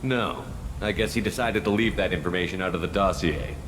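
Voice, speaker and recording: Steady military commander hero, lowish pitch, firm, businesslike, video game, noisy background. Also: male voice, a little fast.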